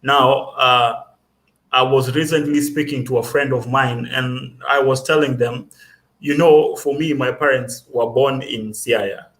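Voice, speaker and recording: A man's voice: medium pitch, steady tone, a little slow, fairly bright tone. A young man with a Kenyan accent, a student guest answering interview questions in an earnest, self-assured way. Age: young adult. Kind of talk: casual interview.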